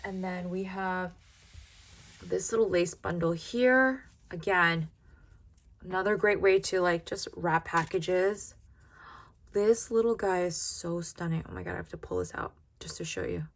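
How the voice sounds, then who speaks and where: A woman's voice: on the low side, measured pace. A woman giving casual unboxing commentary in a gushing, grateful manner, drawing out her exclamations. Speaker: craft vlogger unboxing happy mail.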